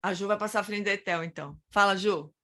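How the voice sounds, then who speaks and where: A woman's voice: medium pitch, fast, a bit bright. A woman hosting an online study group, affectionate and calling people by pet names.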